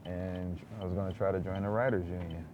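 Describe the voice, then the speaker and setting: A man's voice: low voice, steady tone, brisk. A man, a police officer, talking about his work in interview answers. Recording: slightly dull sound, faint noise.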